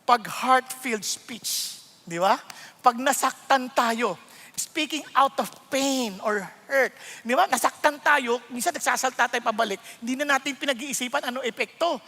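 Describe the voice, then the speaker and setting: Middle-aged male pastor, high voice, animated and joking, sermon in a reverberant church hall. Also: normal speed, vocal fry. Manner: playful, animated, often laughing, keeps asking the congregation questions. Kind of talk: conversational sermon.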